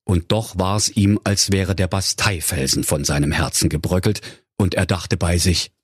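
A man's voice: sits low, steady tone, normal speed, husky, no echo, studio quality. A man telling a comic fairy-tale parody in a mock-solemn storyteller tone.

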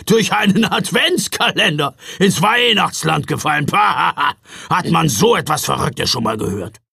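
A man doing Knecht Ruprecht, gruff shaggy old man. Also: on the high side, big pitch swings, measured pace, a bit bright, dry recording, studio quality, full character voice. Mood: blustering. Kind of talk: audiobook character voice.

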